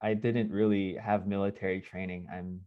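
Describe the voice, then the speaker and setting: A man born in Korea, interviewing a guest over a video call in a measured, conversational way. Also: low voice, little pitch movement, phone-quality sound, a little hiss or hum. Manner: measured, self-correcting, conversational.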